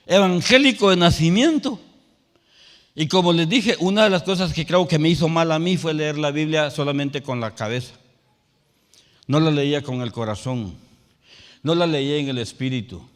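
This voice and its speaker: A male pastor preaching a sermon. He tells a personal story and rises to loud, emphatic calls. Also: fairly high pitch, normal speed, big-room sound. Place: church sanctuary.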